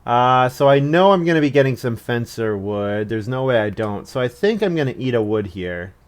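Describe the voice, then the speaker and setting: Here a man narrates his own board game turns at a moderate pace, thinking aloud with self-deprecating humor and laughing at his choices. His medium-pitched voice is very animated.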